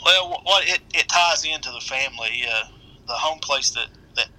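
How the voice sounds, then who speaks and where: A middle-aged man with an Appalachian accent, telling a story casually in a halting, rambling way. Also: medium pitch, lively intonation, pushed and bright, low-quality recording. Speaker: guest storyteller.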